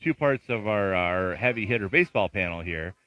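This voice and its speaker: A man co-hosting a casual sports podcast, rambling with many pauses. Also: lowish voice, animated, highs cut off. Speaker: podcast co-host.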